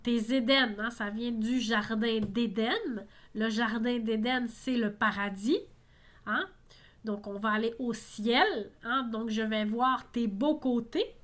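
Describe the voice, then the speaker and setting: A woman's voice: a little high, fairly even intonation, slow, a bit bright. A woman teaching a song lesson, explaining lyrics patiently and often adding "hein". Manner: explanatory, frequent tag "hein". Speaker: French teacher.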